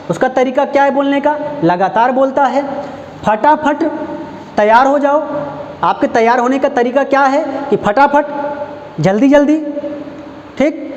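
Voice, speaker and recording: A man with a very high voice teaches Hindi grammar with a Uttar Pradesh accent. He repeats each example phrase slowly and keeps asking the class whether they follow. The sound is dull and lo-fi, with a faint hiss and the echo of a room. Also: a little mellow. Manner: repeats example phrases slowly, asks rhetorical questions, says "ठीक" often. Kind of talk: online classroom lesson. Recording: echoey, dull lo-fi room recording.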